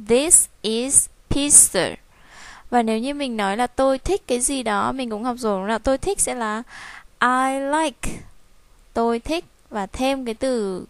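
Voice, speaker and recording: A woman with a Vietnamese accent teaching English to young children, repeating each word slowly and clearly. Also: fairly high pitch, dry recording. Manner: drills English words slowly, repeating each one several times. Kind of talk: slow, clear classroom teaching.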